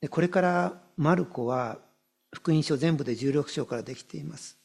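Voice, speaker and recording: A man preaching a sermon as a pastor, reading scripture aloud and stressing key phrases by repeating them and slowing down for weight. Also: fairly high pitch, gravelly, darkish tone.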